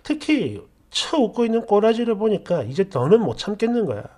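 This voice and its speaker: A woman's voice: mid-range voice, very animated, fairly quick, darkish tone. A woman narrating a first-person workplace story in a chatty, indignant, confiding way.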